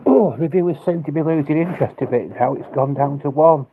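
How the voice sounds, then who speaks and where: Halting man on a tinny line. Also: a little high, a little hiss or hum. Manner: halting, repeats words often. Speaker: live stream host. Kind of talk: casual live stream chat. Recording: tinny phone-like sound.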